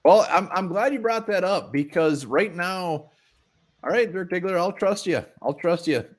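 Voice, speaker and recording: A man's voice: high voice, expressive, moderate pace. Blunt, profane man in sports chat. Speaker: sports podcast co-host. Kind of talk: casual live-stream sports chat.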